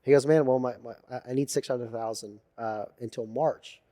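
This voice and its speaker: A man telling animated stories as a guest in a casual interview, swearing freely and acting out what others said. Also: mid-range voice, normal speed. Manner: animated storyteller, swears freely, acts out quotes. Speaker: podcast guest.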